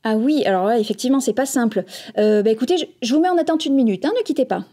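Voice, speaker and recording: A woman's voice: a little high, animated, fast, dark tone, close to an everyday voice. A woman playing a bumbling customer service agent, speaking in a phone-greeting manner in a comic training sketch. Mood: flustered, hesitant. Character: bumbling, slightly flippant call-centre customer service agent. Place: small office set, indoors. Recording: background music.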